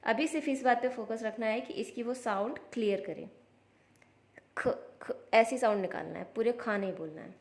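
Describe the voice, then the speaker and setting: A woman's voice: fairly high pitch, brisk, hardly any pauses. A woman, a parent, patiently explaining how to teach children phonics step by step, sounding out letters in a casual instructional vlog.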